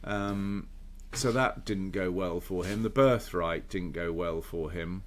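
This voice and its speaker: A man's voice: low-pitched, slow pace. A man co-hosting a podcast in casual chat, rambling and hesitant as he hunts for words. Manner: rambling, hesitant, full of ums and restarts. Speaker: podcast co-host.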